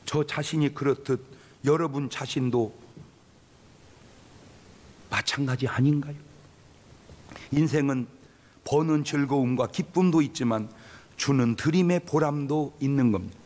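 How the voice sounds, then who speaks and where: A man preaching a sermon as a pastor, humorous and animated, calling out to his congregation in a church sanctuary. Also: a little high. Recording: long reverb of a large church hall.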